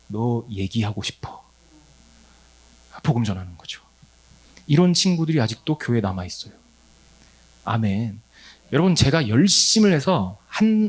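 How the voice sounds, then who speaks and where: Lively, animated Korean man preaching. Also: a little high. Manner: lively storytelling with laughter and acted quotes. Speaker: missionary speaker. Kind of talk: conference sermon talk.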